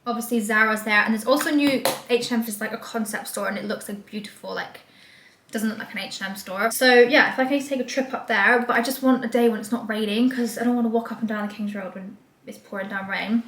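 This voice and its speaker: A young Scottish vlogger with an English accent carrying a light Scottish trace rambles bubbly through a casual vlog, full of "like" and "um." Her voice is a little high, bright and fast. She's in a small indoor room, with the camera facing her from a short distance, and the sound is reverberant.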